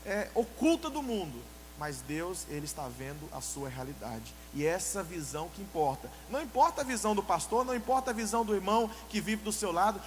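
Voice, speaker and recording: A Brazilian man preaching a sermon as pastor, animated, acting out excuses people give. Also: sits high, big-room sound, slight background noise. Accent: Brazilian Portuguese. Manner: animated preaching, acts out church members' excuses. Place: church.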